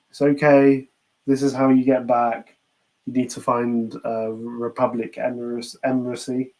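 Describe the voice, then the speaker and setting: This British podcast co-host is casually going over a series, slipping into quoted lines of dialogue as he talks in a chatty way. His medium-pitched voice has a warm tone, though the audio quality is poor.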